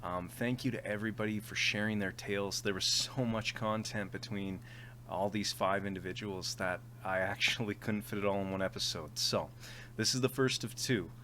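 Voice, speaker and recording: A man's voice: on the low side, moderate pace, pushed and bright, a little hiss or hum. A man hosting a podcast, giving a casual, friendly introduction with frequent ums. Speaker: podcast host.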